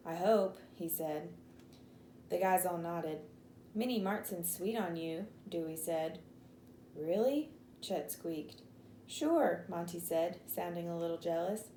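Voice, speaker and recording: Mellow-voiced woman teacher reading aloud. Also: fairly low pitch, echoey room, slight background noise, rough recording. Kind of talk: reading a chapter book aloud to a class.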